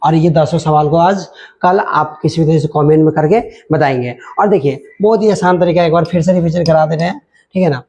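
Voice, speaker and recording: Man, teacher, online lesson, spells words aloud, slightly high pitch. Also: a little fast, warm tone. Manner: spells words letter by letter, repeats "ठीक है" often. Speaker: English grammar teacher.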